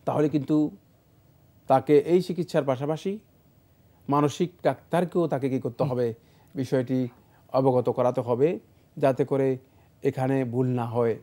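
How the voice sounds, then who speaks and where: A man answering religious questions on a studio show, in a measured, explanatory way with frequent fillers. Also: medium pitch, fairly even intonation, warm tone. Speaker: Islamic scholar answering questions.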